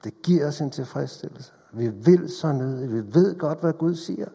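Husky preacher man in a reverberant church. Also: on the high side, expressive. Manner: earnest, rises to fervent appeals then drops to hushed tones. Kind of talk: sermon. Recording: long hall reverb.

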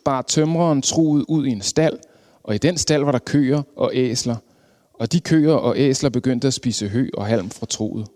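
A man reading a storybook in an expressive way, easing down and slowing for the dramatic beats. His voice sits at a middling pitch. A long hall reverb hangs on every phrase. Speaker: narrator.

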